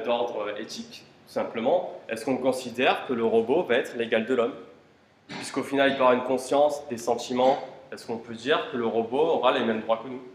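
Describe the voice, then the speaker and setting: The speaker is a man at a tech conference, talking informally in a medium-pitched voice and dropping casual fillers between rhetorical questions to his audience. Slight background noise can be heard. He's in a conference room with the roomy, faintly ambient sound of a hall.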